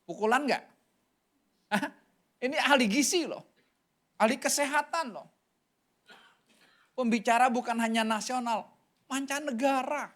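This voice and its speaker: A male pastor preaching a sermon, telling a story animatedly with sudden jumps in pitch and often calling out to the congregation. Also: a little slow, pauses often, a bit bright. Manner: keeps addressing the congregation directly.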